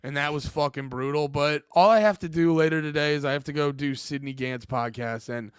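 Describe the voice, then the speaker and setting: A man co-hosting a casual podcast, a bit hoarse from losing his voice, talking in an animated way and swearing often. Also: a little high, a little fast, no echo, clean studio sound. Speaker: podcast co-host.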